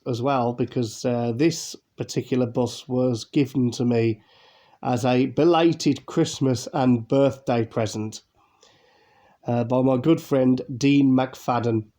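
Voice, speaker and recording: A YouTube host gives casual unboxing commentary in a loose, rambling style full of ums and restarts. His medium-pitched voice is mellow and dark, fairly even in intonation and slow, and it sounds nasal and blocked from a cold he's getting over.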